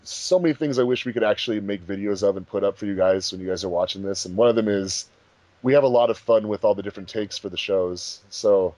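Speaking on a commentary track as one of its makers, this fandub producer and voice actor explains things in a relaxed, enthusiastic way. His voice sits on the low side with a warm tone and a quick pace, recorded with no echo.

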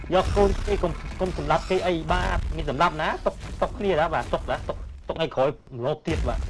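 A man streaming and commenting on a video game, excitedly repeating short exclamations as he plays. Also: sits high, noisy background. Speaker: gaming streamer.

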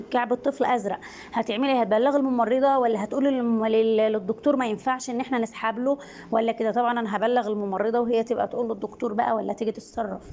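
A woman's voice: a little high, mellow, lo-fi sound, a little hiss or hum. A woman with an Egyptian Arabic accent, a nursing assistant casually recapping exam questions to viewers, hesitant with many restarts.

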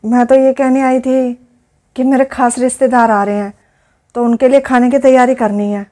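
An actress playing a gentle, accommodating mother-in-law in a family drama. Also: high voice, level tone, normal speed, natural voice. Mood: patient. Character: patient, kindly mother-in-law. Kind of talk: Hindi family drama acting.

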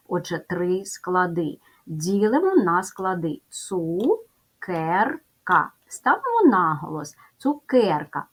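A woman teaching a first-grade spelling lesson, slowly and deliberately sounding out letters and syllables one at a time. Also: on the low side, husky. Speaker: primary school teacher.

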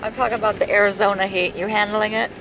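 A middle-aged woman vlogs her travels, chatting casually, laughing often and speaking unhurriedly, though her mid-range voice moves at a quick pace with flat delivery. The noisy phone audio picks up traffic and air conditioning.

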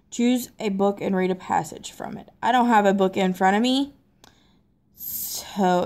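A young woman from the American South with a Southern accent, chatting casually to camera in a hesitant, low-key way. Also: a little mellow. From Tennessee and Mississippi, United States. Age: young adult. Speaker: amateur vlogger. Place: small living room at home, seated in an armchair.

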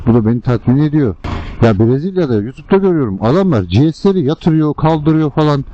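A man's voice: a little high, big pitch swings, fast. A man giving casual, rambling and colloquial commentary to viewers from inside a helmet while riding a scooter in traffic. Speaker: motovlogger. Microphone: helmet-mounted microphone. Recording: muffled helmet mic, loud engine and road noise. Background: vehicle and traffic noise.

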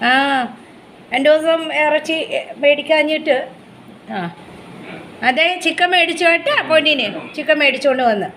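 A woman coos at her pet dog in a high, sing-song voice, all fond baby talk. She is filming on a phone at home, with a faint hum behind her. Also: normal speed, a bit bright. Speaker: pet vlogger. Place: home indoors.

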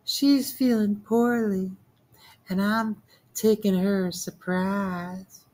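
A man voicing a sweet, polite little girl in a storybook reading, speaking slowly in a high, gentle, innocent voice. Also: steady tone.

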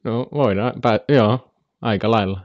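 Low-voiced joking young streamer. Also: male voice, a little mellow, dull audio. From Finland. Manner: joking, rambling, imitates animal sounds. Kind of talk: casual live-stream chat.

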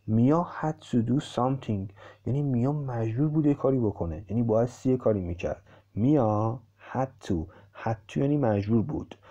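A male English teacher reading a story one line at a time, saying each English sentence slowly and clearly and then explaining it. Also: mid-range voice, warm tone. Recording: muffled lo-fi recording.

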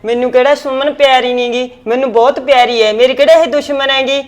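A woman's voice: sits high, steady tone, fast talker, natural voice. A young woman playing a daughter-in-law who speaks in a soothing, pleading way, with a rural Punjabi accent.

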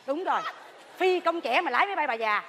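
A woman's voice: sits high, animated, fast talker, a bit bright, a little hiss or hum. A woman, playing a gossiping neighbor in a stage comedy sketch, full of exclamations. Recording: reverberant theater stage.

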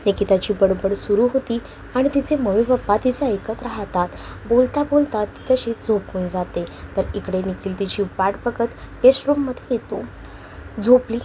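A woman narrating a love story in a steady, even reading voice. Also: a little high, normal speed, slight background noise, poor audio.

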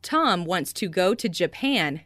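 A woman reading English example sentences slowly and carefully for learners in a language lesson. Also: on the low side, lively intonation, a bit bright, dry recording, clean studio sound. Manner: slow, careful model reading.

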